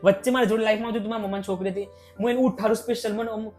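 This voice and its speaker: Young male guest, rapid-fire and emotional, faint music under the voice. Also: sits high. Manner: emotional, animated, talks in rushed bursts. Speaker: podcast guest, vlogger. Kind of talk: casual podcast conversation.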